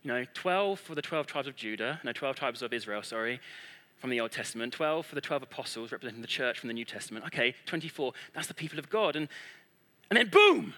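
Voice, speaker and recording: A man's voice: mid-range voice, fast, sharp tone. A man preaching to a congregation, retelling a scene vividly and dramatically and voicing the characters' thoughts. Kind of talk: vivid storytelling sermon.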